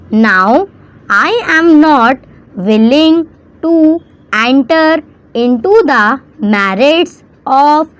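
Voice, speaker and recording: A woman reading a prepared formal text as slow school dictation for shorthand practice, in measured, deliberate phrases with pauses. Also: high-pitched, a bit bright, no room sound. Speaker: dictation reader for stenography practice.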